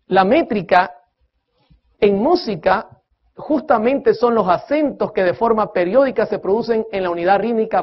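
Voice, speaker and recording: A man preaching a sermon-style lecture on music, emphatic, asking his listeners questions and counting beats aloud. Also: high-pitched. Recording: dull lo-fi recording.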